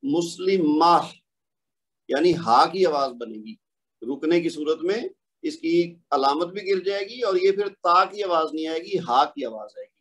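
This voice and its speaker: A man with a fairly high voice teaches a recorded online lesson. He explains patiently, one step at a time, and often asks the learner a question before answering it. Each example word is drawn out slowly and clearly. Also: animated, fairly bright tone. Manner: slows down to draw out example words. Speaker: Quran recitation teacher.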